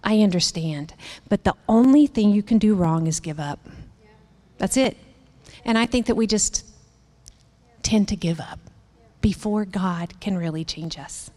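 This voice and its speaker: A woman in her fifties gives a candid, animated devotional talk and often laughs. Her voice sits a little high. A long reverb trails behind her words. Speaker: women's ministry host.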